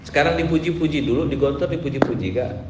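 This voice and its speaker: A man preaching a sermon to a gathering, moving from soft, quick asides to loud, drawn-out chanting of verses. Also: on the high side, a little hiss or hum. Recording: echoey room with faint ambience.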